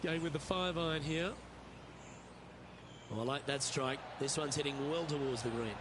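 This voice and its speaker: A man's voice: on the high side, moderate pace, natural voice. A man working as a lead golf commentator, anchoring game broadcast coverage in a composed, appreciative way. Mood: composed, engaged. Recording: loud music and crowd noise behind.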